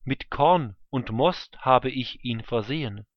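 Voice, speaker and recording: A man reading scripture aloud, voicing an old father who speaks solemn blessings in a measured way. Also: mid-range voice, dry recording, lo-fi sound, lightly acted.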